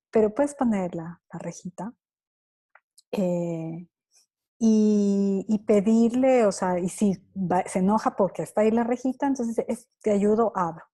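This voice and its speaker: Woman in her 30s, mellow voice, easygoing conference Q&A, voices parent and child exchanges. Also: medium pitch. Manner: conversational, acts out parent-child dialogues; laughs easily, lively quoting. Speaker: parenting speaker answering questions. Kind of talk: conference Q&A talk.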